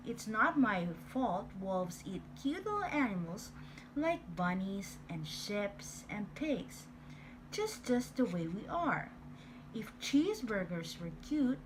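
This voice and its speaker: A woman's voice: medium pitch, background noise. A woman reading as a sly wolf telling his side. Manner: playful, exaggerated storytelling. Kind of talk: storybook reading.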